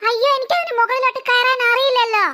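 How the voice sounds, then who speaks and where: Tiny scared cartoon girl, whiny and pleading, super high squeaky voice. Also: fast talker, pushed and bright. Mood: timid. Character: small timid girl, the baby of the family.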